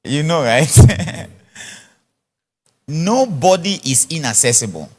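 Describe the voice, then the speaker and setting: A man preaching at a conference, answering questions and telling stories in an animated way. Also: fairly high pitch, takes it slowly. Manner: animated, storytelling, laughs often. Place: church conference hall. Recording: large echoey hall.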